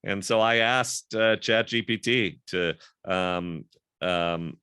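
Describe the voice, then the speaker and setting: Low, bright-voiced man musing aloud. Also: takes it slowly, clear, resonant tone, no room sound, clean studio sound. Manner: rambling, thinks aloud with many fillers. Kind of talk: casual group discussion. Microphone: video call.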